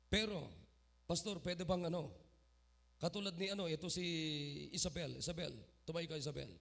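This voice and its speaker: A man pastor preaching a sermon in church, lively and mixing in English phrases, calling on members of the congregation by name. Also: on the high side, moderate pace, creaky. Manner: mixes English phrases into his talk.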